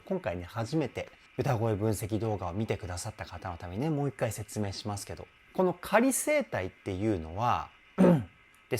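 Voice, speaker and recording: A man's voice: fairly low pitch, darkish tone, slight background noise. A man working as a vocal coach, giving enthusiastic commentary that analyses a song's vocals and demonstrating sounds with his own voice.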